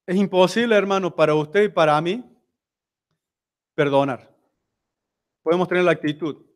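A man's voice: sits high, normal speed. A man with a Rioplatense Spanish accent giving a conversational sermon in a church, putting frequent rhetorical questions to the congregation. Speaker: seminar speaker at a church.

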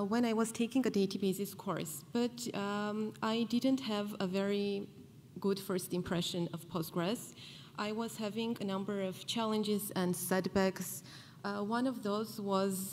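A woman in her twenties from Armenia gives a talk at a podium mic in a large conference hall. She speaks earnestly in a middle pitch, stopping often on fillers. The hall rings with a long reverb over a faint hiss. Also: a little mellow. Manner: earnest, with frequent fillers and pauses.

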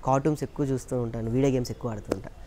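A man's voice: mid-range voice, very fast, slight background noise. A man being interviewed about his career as a mimicry artist, telling stories earnestly and acting out the voices of the people he quotes. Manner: earnest, animated storytelling that acts out quoted voices. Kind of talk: casual interview talk.

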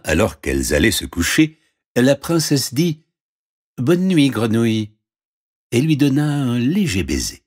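A man reading a fairy tale aloud, expressive and playing every character. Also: medium pitch, slightly rough. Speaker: storyteller. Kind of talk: storybook reading.

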